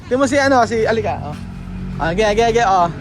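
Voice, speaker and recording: A man's voice: sits high, expressive, faint music behind, a faint crowd. Playful Filipino man coaxing outdoors. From Philippines. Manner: playful, coaxing, many halting restarts. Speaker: vlogger. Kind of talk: casual vlog chat.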